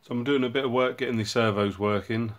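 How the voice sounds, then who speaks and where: A man hosting his own hobby channel, casually walking through a project and explaining it in a relaxed way with frequent ums and uhs. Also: mid-range voice, fast talker. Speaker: robotics hobbyist channel host.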